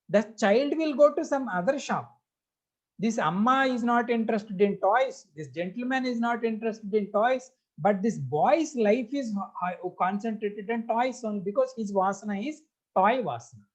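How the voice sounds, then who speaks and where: A man with an Indian accent giving a Vedanta discourse as a spiritual teacher, explaining didactically in short repeated phrases and putting questions to his listeners. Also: high voice.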